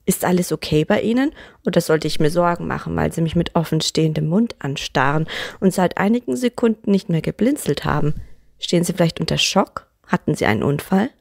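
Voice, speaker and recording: A woman's voice: sits low, expressive, brisk, creaky, darkish tone, no room sound, clean studio sound, heavily acted. A woman reading the lines of a charming, joking young man in an audiobook story. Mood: teasing.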